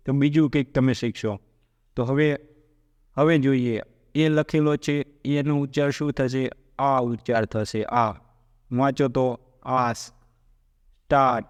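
A man teaching a spoken language lesson. He asks questions and answers them himself, and slows down to spell out example words. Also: medium pitch, a little mellow, clear, resonant tone, long reverb tail. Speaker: English teacher.

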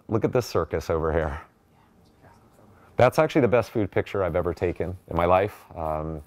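A man's voice: low-pitched, darkish tone. A man giving a casual, enthusiastic talk with slides at a festival, chatty and full of fillers and restarts. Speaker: conference speaker. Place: festival stage or hall.

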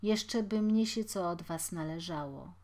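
A woman voicing a poor, exhausted man who speaks quietly and pleadingly. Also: on the low side, measured pace, close to an everyday voice. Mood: weary. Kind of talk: audiobook character voice.

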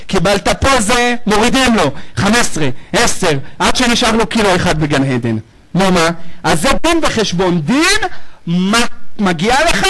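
A man, a rabbi, giving an animated Torah lesson, acting out dialogues and quizzing his listeners. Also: high voice. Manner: animated, acts out dialogues, asks the audience questions.

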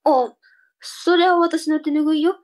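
A woman's voice: high-pitched, steady tone, a little slow, a little mellow. A woman voicing a cheeky, sulky younger sister in a comic tongue-twister reading drama, with a cute anime-girl delivery. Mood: bright, matter-of-fact.

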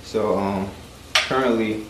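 A young adult man co-hosts a home cooking vlog from an indoor home kitchen, chatting informally in slangy speech. His fairly low voice has fairly even intonation and takes things slowly. The echoey kitchen is filled with loud frying sizzle and the sound of stirring.

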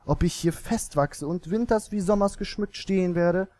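A man's voice: high voice, moderate pace, dark tone, pitched above the performer's own voice, close to an everyday voice. A man voicing a lonely, hopeful young fir tree that asks itself earnest, wondering questions. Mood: yearning.

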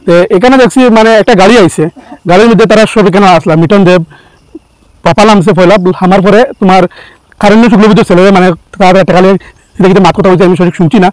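A man's voice, fairly high for a man, races through an eyewitness account. He stumbles and restarts often, piling filler words together as he rushes on, and the sound is close and dry. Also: no room sound, low-quality recording. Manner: hurried, with frequent restarts and fillers. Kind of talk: spoken account to camera.

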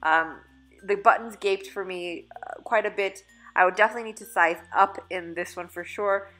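A fashion vlogger in her thirties films a clothing try-on haul in a store dressing room, holding her phone camera to the mirror. She chats in an upbeat, casual way, full of fillers and self-corrections, her mid-range voice sharp in tone and at normal speed, with soft music in the background.

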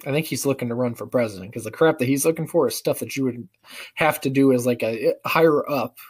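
A husky, medium-pitched young man talks quickly, giving laid-back, slangy commentary as a prank-calling vlogger. He's plainly amused and keeps chuckling. The American is indoors in a small living room, captured by an arm's-length webcam.

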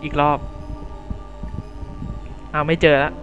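A young man giving crude, jokey commentary over a horror game, swearing loudly at scares and joking to his viewers. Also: slow pace, lo-fi sound. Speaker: gameplay commentator. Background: game music.

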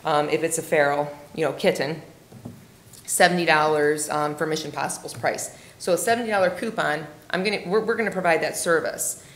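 A woman's voice: sits low, fairly quick, fairly bright tone. A woman in her forties who founded a cat rescue group, speaking earnestly at a city council meeting with many fillers and restarts. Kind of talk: public comment at a council meeting. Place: council chamber. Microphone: desk microphone, camera at a distance. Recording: echoey council chamber, faint hum.

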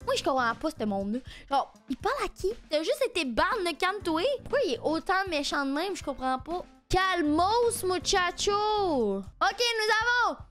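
A young woman speaks in a high voice with a broad Québécois accent, riffing on chat comments in a slangy, mocking way. Soft music plays faintly underneath her. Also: a little fast, hardly any pauses. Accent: Québécois French. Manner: animated, slangy, swears freely, mocking asides. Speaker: streamer. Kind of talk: comedic commentary reading chat messages.

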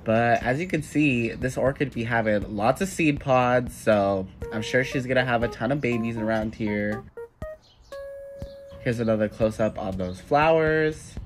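In an indoor room full of plants, a young man in his twenties narrates a chatty, upbeat tour of garden plants for his plant vlog. A cold has left him congested and nasal, and his medium-pitched voice moves a little slowly over soft background music.

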